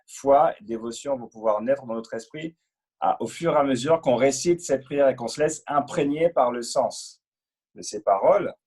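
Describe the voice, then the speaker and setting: A man patiently explaining a Buddhist prayer as interpreter and teacher, in a halting way with many fillers and repeated words. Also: mid-range voice, darkish tone, breathy edge.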